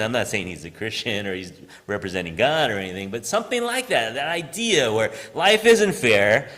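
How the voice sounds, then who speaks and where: A man's voice: mid-range voice, a bit bright. Guy giving a chatty sermon, voice bounces all over, church hall reverb. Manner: conversational, asks "right?" often, laughs at himself. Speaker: preacher and high school teacher. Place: church sanctuary.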